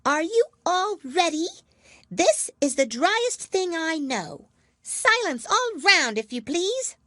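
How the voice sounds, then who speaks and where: Storybook mouse: squeaky-high, self-important, prickly schoolmaster manner, dry close recording. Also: female voice, very animated, takes it slowly, sharp tone, no echo, heavily acted. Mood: pompous, commanding. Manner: pompous, authoritative, polite but cross. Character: self-important, easily offended mouse lecturing drily on history. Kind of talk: storybook character voice.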